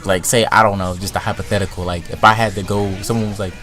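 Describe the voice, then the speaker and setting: Young guy ranting at the camera, gets loud then mutters low, cussing, little music in the back. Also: quick pace. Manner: animated, heated, swings between loud outbursts and low mutters, filler-heavy. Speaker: vlogger. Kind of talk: profane comedic rant.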